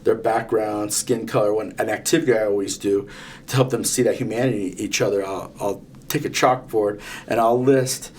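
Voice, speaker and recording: Speaking at a normal speed in a lowish, steady voice, a fifty-something podcast co-host tells long stories earnestly, restarting himself often in casual conversation. A slight hiss or hum sits under the recording.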